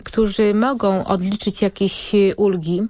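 A woman answering callers as a director on a radio phone-in, explaining things politely and haltingly. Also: medium pitch, fairly even intonation, dark tone, no echo. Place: dry radio studio.

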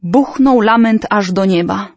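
A woman reading a historical story aloud in a measured, solemn, dramatic manner. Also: medium pitch, darkish tone, no room sound. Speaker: narrator. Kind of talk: storybook narration.

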